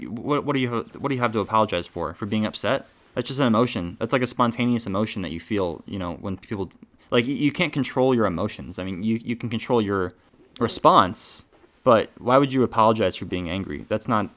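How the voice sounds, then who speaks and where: A man's voice: lowish voice, a bit bright. A man co-hosting a podcast, reading a listener email aloud and then answering it in a laid-back way, full of "dude" and "like". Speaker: podcast co-host.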